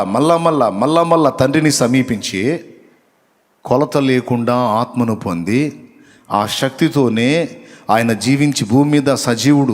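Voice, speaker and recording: A man preaching a sermon who reads out Bible verses, asks the congregation questions and repeats key phrases for emphasis. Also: medium pitch. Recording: long reverb of a hall.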